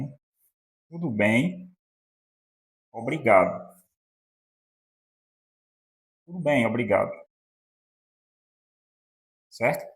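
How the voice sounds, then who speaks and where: A man's voice: mid-range voice, vocal fry. A man whose first language is Portuguese, teaching the Russian alphabet and pronunciation in a patient, step-by-step way. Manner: slow and patient, with frequent "né?" checks. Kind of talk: explaining Russian letters and pronunciation.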